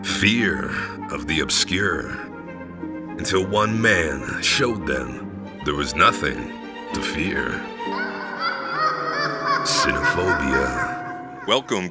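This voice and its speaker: Man putting on a deep, ominous horror host. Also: exaggerated voice. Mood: theatrical welcome. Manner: slow, dramatic, foreboding delivery. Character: ominous horror host greeting ghouls and movie fans. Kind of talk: theatrical horror host introduction, scripted.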